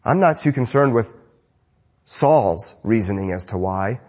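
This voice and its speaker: A male pastor preaching a sermon in an animated, conversational way. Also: on the low side, unhurried.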